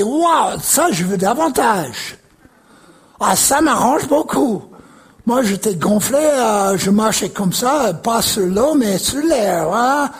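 A male preacher from the United States tells a story from the pulpit, taking his time over every phrase. His voice is deeply husky and rough, and he leans hard on words he repeats. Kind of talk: storytelling sermon.

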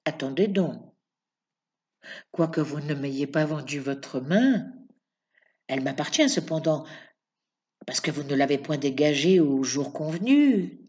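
A woman reading aloud voices a sly old male bohemian sorcerer, calm and mocking, in a low, soft and unhurried voice. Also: lo-fi sound. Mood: menacing.

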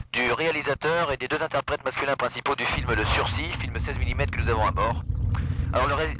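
A man hosts a small ship's radio show, announcing games and songs in an unhurried, chatty way. His voice sits at a mid pitch. The recording is dull and lo-fi, with a loud hiss of noise behind him. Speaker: host of an onboard ship radio show. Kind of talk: casual radio hosting.

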